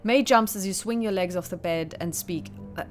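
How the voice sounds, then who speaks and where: A solo tabletop game player reads a horror adventure gamebook aloud, steadily working through passages before chatting about her choices. Her voice is on the low side at a normal speed, with faint music in the background.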